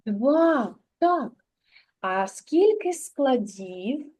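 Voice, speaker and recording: A woman's voice: high voice, big pitch swings, extremely slow, a little mellow. A woman teaching a preschool reading lesson, patiently asking a child simple questions and encouraging her. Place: kindergarten classroom.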